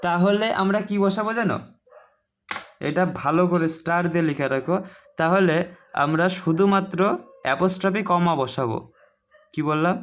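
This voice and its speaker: A man teaching a casual online grammar lesson, chatty and repetitive, checking often that students follow. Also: sits high. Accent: Bengali. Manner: chatty, keeps asking "ঠিক আছে?"; explains slowly, repeating each rule.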